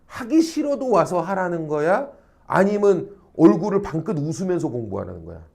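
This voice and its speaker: A middle-aged man gives a high school social studies lecture in a classroom. His voice sits fairly high for a man and swings wildly up and down as he acts out quoted people. He keeps checking in with the class through rhetorical questions and drops salty slang. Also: very animated, normal speed, vocal fry, darkish tone. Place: academy classroom.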